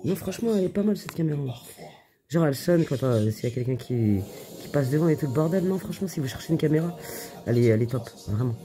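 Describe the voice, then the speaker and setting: A woman's voice: deep voice, expressive, quick pace, crowd noise. Slangy, sick young woman vlogger. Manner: slangy, ranting, swears freely. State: sick with a cough. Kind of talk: casual chat to camera. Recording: noisy with clicking sounds.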